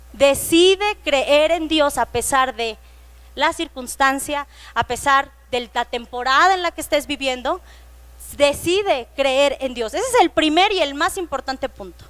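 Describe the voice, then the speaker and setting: A woman with a Mexican Spanish accent delivers a sermon in a high voice, slowing down to read scripture with emphasis. She retells stories and briefly puts on the voices of children. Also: fairly bright tone. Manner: reads scripture slowly and emphatically. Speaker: preacher.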